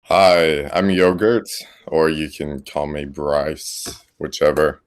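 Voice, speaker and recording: A man's voice: rumbling low, fairly even intonation, slow pace, a little hiss or hum. A man in his twenties from Texas, chatting easygoingly as a podcast guest. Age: 20s. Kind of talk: casual chat.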